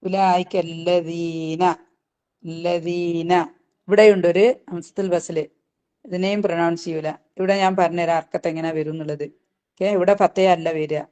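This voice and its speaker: A woman teaching a Quran recitation lesson. She explains patiently, keeps asking "okay?" and recites phrases slowly. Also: mid-range voice, a little mellow.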